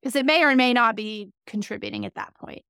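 A woman who works as an animal communicator, calmly explaining and advising in a podcast conversation. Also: a little high, fairly quick, clean tone, no echo, clean studio sound.

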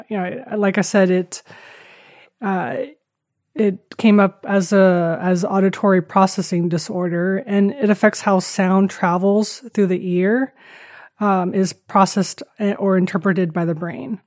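A woman's voice: medium pitch, steady tone, unhurried, darkish tone, no echo, studio quality. A woman from Taiwan, speaking candidly and a little hesitantly as an interview guest, with a self-deprecating touch. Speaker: podcast guest.

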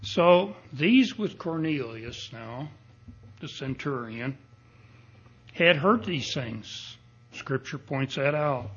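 A male pastor preaching a sermon at a pulpit microphone, speaking in a deliberate, emphatic way and building up to strong declarations. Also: medium pitch, expressive, a bit bright, husky, highs cut off. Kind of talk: expository sermon. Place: church sanctuary.

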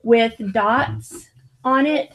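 A woman's voice: a little high, very slow. A woman explaining things in casual conversation.

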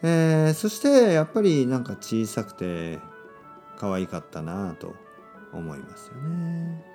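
A man hosting a podcast for Japanese learners, speaking simply with lots of repetition and a playful, expressive delivery. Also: slow, soft background music. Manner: clear, simple phrasing for learners with repeated words; expressive and playful, with sudden pitch jumps. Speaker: podcast host and Japanese teacher.

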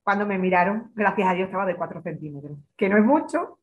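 A woman's voice: mid-range voice, lively intonation, fast, phone-quality sound. A young adult woman from Extremadura, a podcast guest who tells her story in a casual interview and acts out her own past words. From Extremadura, Spain.

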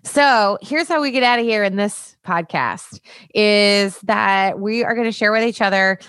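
A woman's voice: mid-range voice, unhurried, fairly bright tone, clean tone, dry recording. A woman hosting a podcast, chatting playfully and laughing easily. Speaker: podcast host. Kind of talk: casual podcast chat.

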